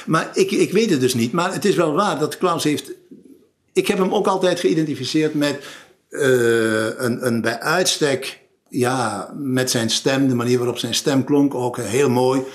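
A man's voice: medium pitch, a little slow. A man in an interview, recalling someone in a thoughtful, hesitant way. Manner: thoughtful, hesitant, restarts words. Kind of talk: reflective interview talk.

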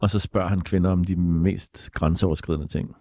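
A middle-aged man talks in a relaxed, unhurried way, hesitating with fillers as he recalls things. His voice is very low and mellow. The recording is close and dry. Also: dry recording. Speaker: guest musician. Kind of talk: casual chat.

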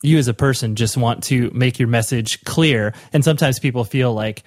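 A man's voice: mid-range voice, moderate pace, no room sound, studio quality. A young man interviewing a guest in a casual chat, rambling, with many fillers and restarts.

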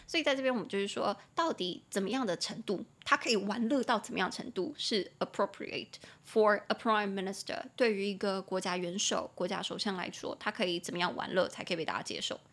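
A woman with a Taiwanese Mandarin accent hosting a solo English-lesson podcast, chatting casually and spelling words out slowly letter by letter. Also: mid-range voice, fairly bright tone. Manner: chatty, opinionated asides. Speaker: podcast host and English teacher.

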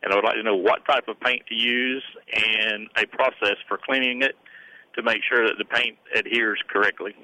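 A man's voice: lowish voice, fairly even intonation, normal speed, pushed and bright, rough recording. A man calling in to a radio show, describing his problem plainly and carefully. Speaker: caller.

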